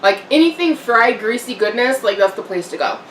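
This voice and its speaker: Animated and a little fast, a young woman with a slightly high, bright voice chats through an eating vlog in a room at home, rambling with fillers and little laughs. The space is echoey, the mic a bit distant, with slight background noise.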